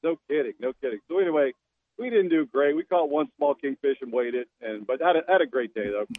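A man's voice: medium pitch, quick pace, no room sound. A man calling in on a speakerphone from a car, casually telling a fishing story. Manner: relaxed storytelling, laughing. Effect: phone speaker call. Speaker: guest caller. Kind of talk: casual chat. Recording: tinny phone line, dry.

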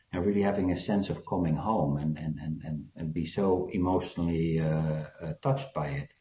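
A South African guest author answers interview questions hesitantly and reflectively, using many fillers. His voice is low and warm, and the recording sounds dull and roomy.

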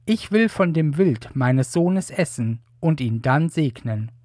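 Aged patriarch read by a man, solemn, unhurried, a little high. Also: animated, darkish tone, dry recording, studio quality. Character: aged blind patriarch giving blessings.

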